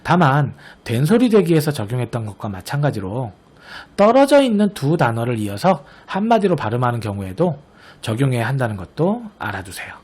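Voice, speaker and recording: Guy teaching grammar, kinda husky voice, really lively up and down, keeps asking if you got it. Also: mid-range voice. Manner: patient, explanatory, often checks understanding with the class; slowly sounds out example words to model pronunciation. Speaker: Korean language teacher. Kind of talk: recorded online grammar lesson.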